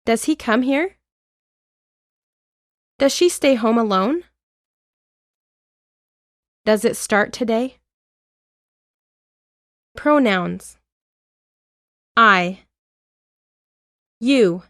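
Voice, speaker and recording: A woman reading an English lesson aloud, with clear, deliberate drill phrases and an American accent. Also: a little high, lively intonation, a bit bright, dry recording, studio quality. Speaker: English teacher. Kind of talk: slow scripted lesson reading.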